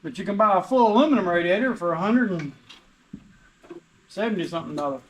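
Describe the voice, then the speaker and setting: Man, folksy and joking, fairly high voice, faint hiss behind. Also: fast talker, poor audio. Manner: folksy, joking, gives practical tips. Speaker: custom shop owner, co-host. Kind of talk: casual shop vlog talk. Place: auto shop garage.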